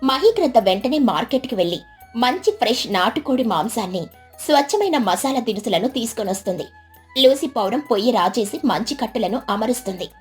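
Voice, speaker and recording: A woman narrating a scripted cartoon story in an expressive, lively way. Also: fairly high pitch, fairly quick, soft background music.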